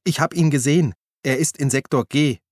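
A man's voice: mid-range voice, expressive, normal speed, dry recording, clean studio sound, natural voice. A man voicing a petulant male police partner in an audiobook, whiny and defensive. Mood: excited. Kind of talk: audiobook character voice.

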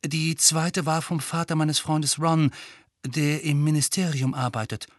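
A man's voice: on the high side, unhurried, dry recording, clean studio sound, voice pushed up. Harry, a man doing a defiant teenage boy. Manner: calm, curt, then sharp.

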